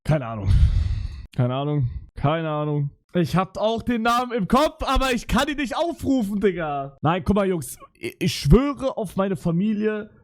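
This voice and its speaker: A man's voice: sits high, lively intonation, normal speed. A young man streaming live, chatting casually in heavy street slang with swearing, rambling and flustered. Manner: slangy, swearing, repeats "Digga" and "Bruder".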